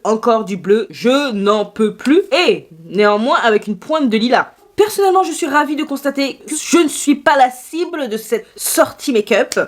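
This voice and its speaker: A woman chatting through a makeup haul video, playful and self-mocking, talking straight to her viewers. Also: a little high. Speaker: beauty YouTuber.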